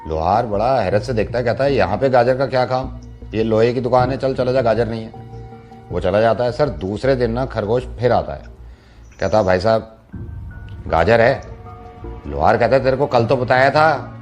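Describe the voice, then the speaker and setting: A man's voice: medium pitch, a little fast, a little mellow, faint music behind. A man hosting a radio prank call, telling jokes and riddles in a chatty, teasing way. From based in Delhi. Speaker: radio host making prank calls. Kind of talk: playful prank call banter. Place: radio studio.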